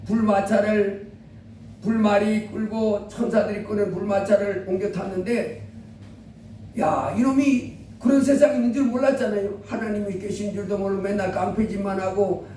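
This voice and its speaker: High-voiced man preaching in echoey room. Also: moderate pace, recorded from a distance, a little hiss or hum. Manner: animated storytelling with quoted voices. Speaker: pastor. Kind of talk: sermon storytelling.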